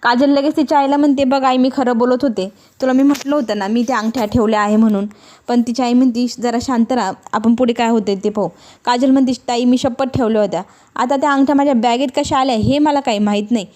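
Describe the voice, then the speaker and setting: A woman's voice: on the high side, steady tone, quick pace, mellow. A woman retelling a serial episode, reading every character's lines in her own voice. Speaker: serial recap narrator.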